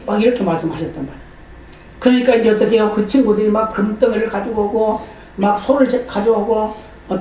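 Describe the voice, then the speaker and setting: A man's voice: high voice, warm tone. A male pastor preaching a sermon in a church, telling a story with animation and voicing the people in it. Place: church sanctuary. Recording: very echoey hall, voice from far off.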